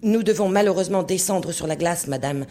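A courteous young fur hunter, as a man puts him on in a storybook reading, speaking apologetically in a raised, lighter register. He stays deferential even when calling out. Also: high voice, a little fast, voice pushed up. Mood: apologetic.

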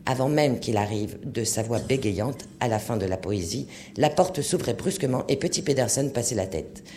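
A man narrating a story in an audiobook reading, expressive and steady. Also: mid-range voice, moderate pace.

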